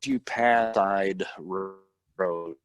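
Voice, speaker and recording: A man narrating a tabletop game as game master over a video call, talking casually and haltingly, his voice breaking up on a bad internet connection. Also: deep voice, smooth, no room sound.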